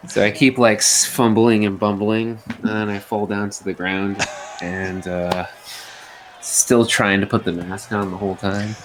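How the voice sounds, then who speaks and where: A man's voice: fairly low pitch, flat delivery, a little slow, background noise. A man playing a tabletop game, amused as he describes his character fumbling about. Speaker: player. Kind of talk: casual tabletop game chat.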